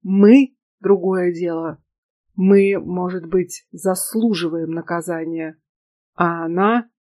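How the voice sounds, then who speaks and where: A woman's voice: on the low side, steady tone, slow, mellow, dry recording. A woman reading the lines of an anxious, earnest young man, the younger brother.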